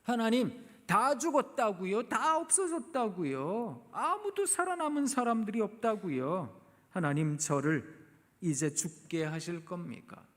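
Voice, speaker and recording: A man's voice: a little high, a little slow. A man preaching in an echoey church hall voices a despairing old prophet, crying out to God in anguished, pleading bursts.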